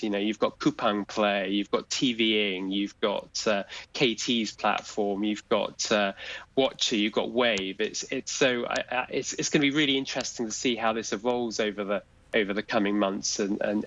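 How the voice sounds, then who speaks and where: Appearing as a film industry guest commentator in a live studio interview on a news program, a man speaks hesitantly, full of fillers and restarts. His voice is lowish with a fairly bright tone, and the audio is dull.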